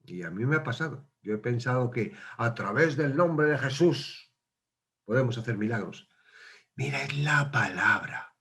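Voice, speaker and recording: A man's voice: medium pitch, lively intonation, normal speed, a bit bright. A man teaching a casual Bible study, conversational, asking questions and acting out quotes.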